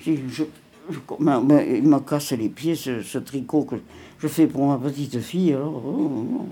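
A woman's voice: extremely low pitch, normal speed, mellow, husky. An older woman reminiscing at home in a rambling interview, often repeating words and sighing.

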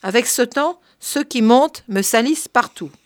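A woman's voice: a little high, lively intonation, normal speed, no room sound, studio quality, pitched above the performer's own voice, lightly acted. A woman voicing an aging, complaining female housekeeper with a whiny, scolding manner.

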